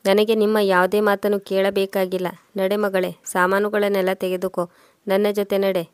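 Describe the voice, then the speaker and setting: A woman's voice: medium pitch, little pitch movement, normal speed, dry recording, close to an everyday voice. A woman voicing an indignant protective father. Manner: indignant, demanding.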